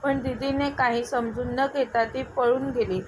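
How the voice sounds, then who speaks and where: A woman voicing a frightened young bride of twenty, speaking softly and hesitantly. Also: high voice, steady tone, unhurried, rough recording. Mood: fearful. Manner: soft, hesitant. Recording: noticeable background noise.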